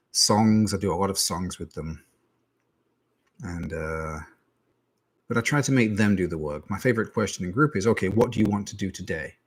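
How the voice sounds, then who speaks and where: Husky, dry-humored Englishman. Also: sits low. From England. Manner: dry, self-mocking humor. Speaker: English teacher. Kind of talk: casual Q&A live stream.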